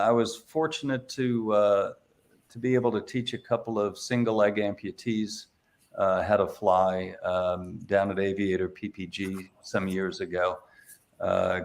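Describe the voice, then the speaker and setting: A man's voice: fairly low pitch, fairly even intonation, measured pace. A middle-aged man, a paramotor instructor, telling stories in a casual interview, with lots of fillers and restarts. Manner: hesitant, many fillers and restarts.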